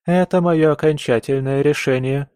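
A fussy noble matron who calms her quarrelling daughters and then hands down final decisions, as a male narrator plays her. The voice sits a bit above the narrator's own, firm and controlled. The recording is close and dry. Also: on the high side, normal speed, smooth, dry recording, voice pushed up, lightly acted. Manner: soothing yet firm and commanding. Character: stern, fussy noble mother of two daughters.

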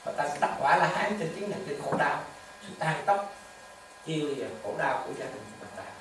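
A Buddhist monk giving a dharma talk to lay followers, with repetitive, animated storytelling and rhetorical questions. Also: mid-range voice, a little fast, background noise. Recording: echoey hall, distant mic, faint ambience.

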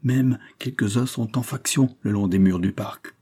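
A man's voice: on the low side, a little slow, warm tone, breathy edge. A man voicing a fretful, servile castle groom reporting urgent news. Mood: alarmed.

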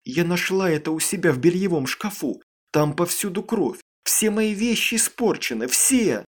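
A man's voice: high-pitched, animated, moderate pace, pitched above the performer's own voice. A man reading an audiobook, voicing a young girl who speaks breathlessly and pleads in hurt.

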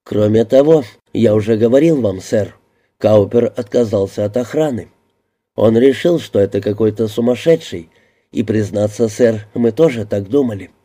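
A man's voice: lowish voice, normal speed, warm tone, close to an everyday voice. A man reading an exasperated police lieutenant. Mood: defensive. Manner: defensive to a superior, barking at his squad. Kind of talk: audiobook character reading.

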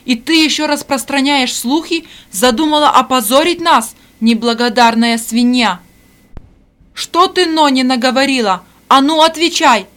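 A woman reading an audiobook voices a domineering middle-aged mistress who shouts and scolds harshly. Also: sits high, brisk, pitched above the performer's own voice. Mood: shouting furiously.

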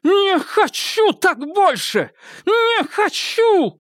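A man voicing a furious young woman breaking free, her voice hoarse with rage, in an audiobook. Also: very high voice, big pitch swings, very slow, fairly bright tone, no echo, studio quality, voice pushed up, exaggerated voice. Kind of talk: audiobook character voice.

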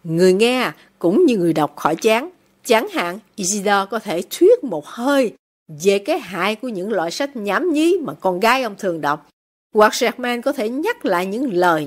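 A woman host reading a play excerpt and giving measured literary commentary. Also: mid-range voice. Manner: measured, explanatory. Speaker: radio host.

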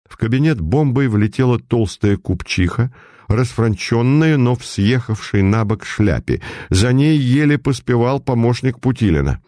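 A man reading a story aloud in measured scripted narration. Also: mid-range voice, lively intonation, mellow, no echo, clean studio sound. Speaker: audiobook narrator.

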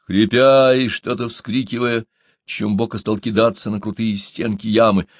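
A man narrating a novel in a dramatic, expressive reading. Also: lowish voice, normal speed, dry recording, clean studio sound. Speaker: audiobook narrator. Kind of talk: scripted narration.

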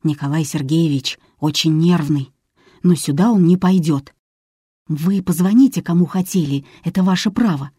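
A woman's voice: low voice, moderate pace, warm tone, husky, no room sound, clean studio sound. A woman voicing a timid young policeman. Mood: apologetic. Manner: apologetic, earnest.

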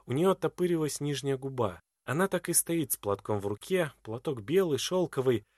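A man giving an expressive, dramatic first-person reading of a literary novel. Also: mid-range voice, fairly quick, dry recording, clean studio sound. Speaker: audiobook reader.

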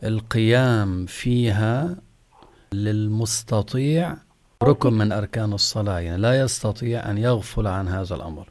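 Low calm sheikh guy, explains rulings step by step. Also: moderate pace. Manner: calm, explanatory, gives examples. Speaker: sheikh answering callers' questions. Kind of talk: religious call-in answers.

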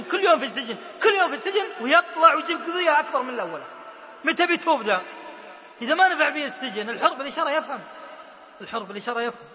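A man preaching an impassioned sermon. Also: extremely high pitch. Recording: lo-fi recording with long reverb.

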